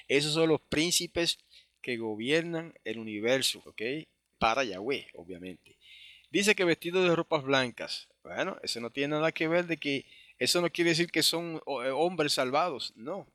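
A man teaching a Bible study in a conversational way, often asking "right?", and slowly reading verses aloud in Hebrew. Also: fairly high pitch, a bit bright, no room sound, studio quality. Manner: conversational, with frequent tag questions; reads scripture slowly in Hebrew.

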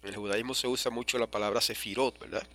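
A man preaching a teaching sermon, explaining terms slowly, repeating and spelling key words, and calling his listeners brothers. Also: lowish voice, steady tone, sharp tone. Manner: measured, with frequent pauses and restarts, asks "¿verdad?" often.

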